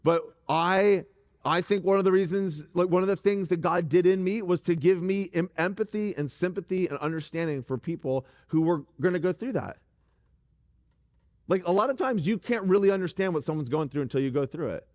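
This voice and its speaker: Animated pastor in a reverberant hall. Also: male voice, high-pitched, fairly quick. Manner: animated, joking asides to the congregation. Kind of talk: conversational sermon. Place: church stage.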